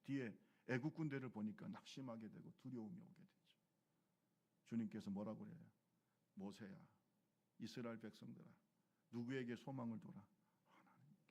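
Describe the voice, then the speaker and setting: A male pastor preaching a sermon who keeps asking the congregation questions and has them repeat phrases after him, dropping to low murmurs and then rising to loud exclamations.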